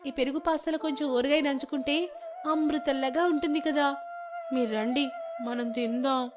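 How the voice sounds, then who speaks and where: A woman's voice: high-pitched, fairly even intonation, moderate pace, over music, close to an everyday voice. Woman voicing a chirpy village bride. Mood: cheerful. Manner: bright, eager, chatty. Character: cheerful naive young village daughter-in-law.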